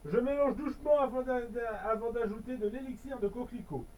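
A man's voice: very high voice, a little fast, darkish tone, far from the mic, poor audio. A man doing a greedy cheerful little elf. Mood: helpful. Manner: sing-song, playful. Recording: voice a bit off-mic.

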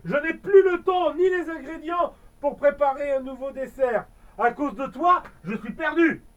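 A man's voice: very high voice, a little slow, a bit bright, far from the mic, lo-fi sound, voice pushed up. A man voicing a panicked, despairing male pastry chef in a bedtime storybook, with a frantic, wailing manner. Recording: voice a bit off-mic.

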